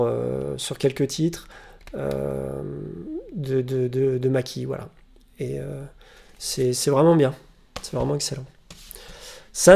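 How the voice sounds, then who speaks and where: Gravelly man chatting about his records. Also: medium pitch, darkish tone. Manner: hesitant, many fillers and restarts. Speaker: vinyl collector presenting records. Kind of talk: casual record haul vlog. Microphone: webcam.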